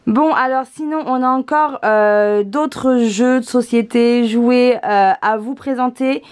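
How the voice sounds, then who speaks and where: A woman's voice: a little high, slow pace, clean tone. A woman hosting a casual family unboxing vlog, talking easily with frequent hesitations and laughs. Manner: relaxed, many hesitation fillers, laughs often. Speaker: vlog host, mother presenting gifts.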